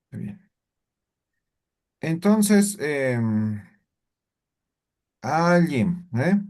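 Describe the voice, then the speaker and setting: A man's voice: a little high, very animated, drawn-out words, a little mellow. A male language teacher correcting his students' pronunciation in an online class, speaking patiently and hesitantly with many fillers. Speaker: Aymara teacher.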